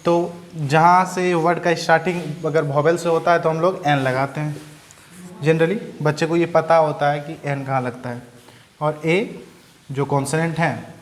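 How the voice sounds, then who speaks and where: A young man teaching a grammar lesson, who asks questions and answers them himself and sounds words out slowly. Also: fairly high pitch. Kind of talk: Hindi-medium English grammar lesson.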